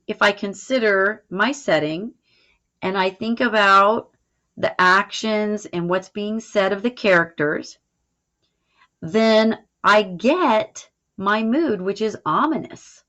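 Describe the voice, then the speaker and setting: A woman with a medium-pitched, slightly bright voice speaks slowly as a teacher walking through a recorded lesson. Her manner is informal and explanatory, and she keeps checking in with frequent "all right"s. The audio is dull and lo-fi.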